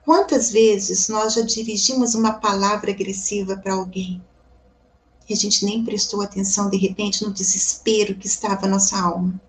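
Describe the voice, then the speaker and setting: A woman with a Brazilian Portuguese accent gives a devotional reflection at a Spiritist center. Her voice sits at a middle pitch, and she speaks calmly and thoughtfully. She addresses her audience directly and often asks them rhetorical questions. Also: moderate pace. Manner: addresses listeners warmly as "gente". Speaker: Spiritist lecturer.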